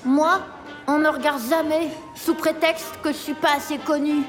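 A woman's voice: high-pitched, level tone, normal speed, close to an everyday voice. A woman playing a plaintive, overlooked talking sculpture. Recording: reverberant with loud music.

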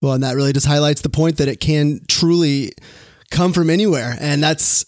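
A man hosting a podcast interview, asking questions and affirming his guest in an earnest, measured way. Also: on the high side, steady tone, no echo, studio quality. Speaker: podcast host.

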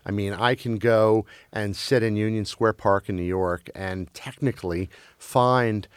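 A man's voice: on the low side, fairly even intonation, a little slow, clean tone, dry recording, studio quality. A man who grew up in Belgium, talking casually about film and streaming, with many restarts and fillers.

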